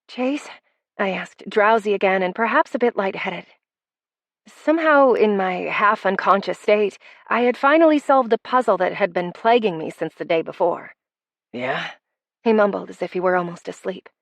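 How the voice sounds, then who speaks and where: A woman narrating a first-person romance audiobook, telling it in a wry, conversational way at a middle pitch. She is recorded close on the mic in a dry space with no echo.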